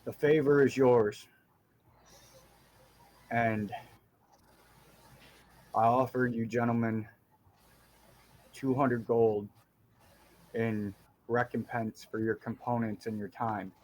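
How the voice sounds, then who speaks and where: A man voicing a male dwarf who speaks in a formal, measured and guarded way. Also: medium pitch, fairly even intonation, a little mellow, close to an everyday voice.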